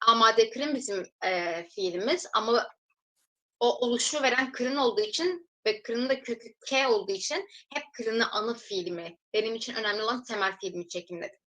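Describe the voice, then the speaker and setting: Bright-voiced woman teaching a lesson. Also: fairly high pitch, low-quality recording. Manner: explains step by step, reads example sentences slowly then translates; addresses viewers as friends. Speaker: language teacher. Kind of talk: recorded language lesson.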